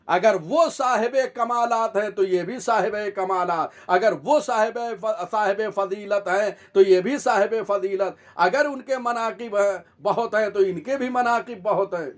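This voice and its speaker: A male religious scholar delivering a sermon with measured, rhetorical repetition. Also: sits high. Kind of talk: Shia majlis sermon.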